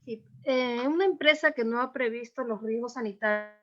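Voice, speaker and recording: A woman's voice: fairly high pitch, normal speed, a bit bright, dull audio. Woman on a choppy, breaking-up call line. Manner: repeats the question patiently. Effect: choppy connection breaking up. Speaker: event co-host relaying audience questions. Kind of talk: online webinar question and answer. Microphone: video call.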